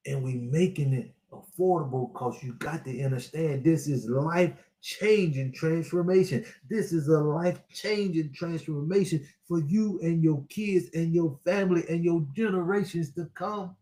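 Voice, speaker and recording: A man's voice: fairly high pitch, a little mellow, roomy sound. Sixty-year-old man preaching to viewers. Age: 60s. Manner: preachy, repetitive, direct address to viewers. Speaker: spiritual life coach. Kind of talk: motivational livestream talk.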